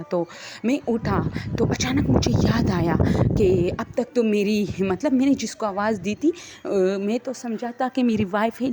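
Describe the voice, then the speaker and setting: A woman's voice: mid-range voice, mellow. A woman telling a horror story in the first person, hesitant and reflective, with many fillers and restarts.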